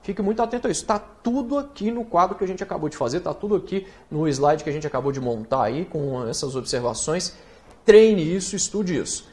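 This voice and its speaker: A Brazilian man teaching writing in an online course, talking straight to the student with rhetorical questions and spelling acronyms out slowly letter by letter. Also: high voice. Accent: Brazilian Portuguese. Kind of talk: recorded online lesson.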